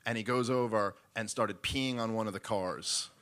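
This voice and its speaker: A man doing stand-up, telling a rambling story with animated, mock-exasperated delivery. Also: fairly low pitch, normal speed. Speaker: comedian.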